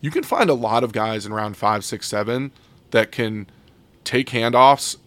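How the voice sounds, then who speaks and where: A man's voice: mid-range voice, a little slow, a bit bright, no room sound. A man co-hosting a sports podcast, talking casually and loosely with many fillers and restarts. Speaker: podcast co-host.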